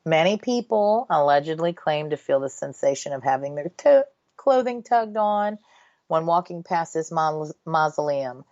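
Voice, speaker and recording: A woman's voice: deep voice, animated, moderate pace, darkish tone, no room sound. A woman hosting a radio show, telling stories informally and checking in with listeners. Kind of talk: informal paranormal radio storytelling. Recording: dull, lo-fi radio audio.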